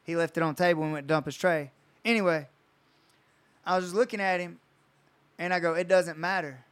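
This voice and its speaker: A man's voice: a little high, fairly quick, a bit bright, smooth. A young man, a coach, telling a personal story in casual podcast chat, full of swearing and retold dialogue. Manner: storytelling, retells conversations with swearing.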